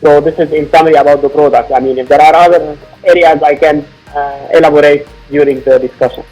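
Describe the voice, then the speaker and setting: A man from Lebanon, founder of a company, explaining his product in a podcast interview with a measured, filler-laden manner. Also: fairly high pitch, steady tone, dark tone, soft background music, rough recording. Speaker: founder and CEO guest.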